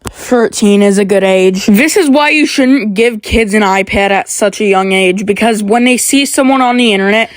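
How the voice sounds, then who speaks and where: A woman's voice: medium pitch, normal speed, no echo, low-quality recording. A woman giving a defensive, explanatory response to criticism in an apology video.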